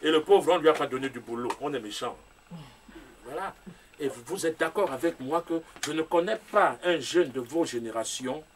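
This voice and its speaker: A man's voice: fairly high pitch, slightly rough. A man from Cameroon with a Cameroonian French accent, an author speaking as a guest on a discussion show, emphatic and repeating his points. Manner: emphatic, with repeated rhetorical phrases. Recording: distant mic with faint room noise.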